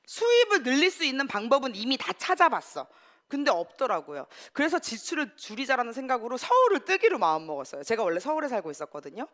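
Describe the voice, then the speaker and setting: A woman in her thirties telling her own story in a lively, animated way, often laughing through her anecdotes. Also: high voice, quick pace. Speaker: business member sharing her story. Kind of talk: personal testimony talk.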